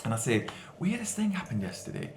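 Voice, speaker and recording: A man's voice: medium pitch, wildly swooping pitch, fairly quick, gravelly, darkish tone, roomy sound, a little hiss or hum. A man being interviewed as a musician, chatting casually and telling anecdotes, often repeating phrases for emphasis.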